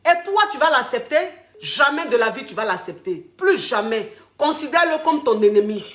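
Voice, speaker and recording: A woman's voice: high-pitched, lively intonation, normal speed, fairly bright tone. Blunt scolding woman coach, echoey room. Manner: blunt, scolding, preachy advice with mocking insults. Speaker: relationship coach answering callers. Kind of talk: call-in advice show.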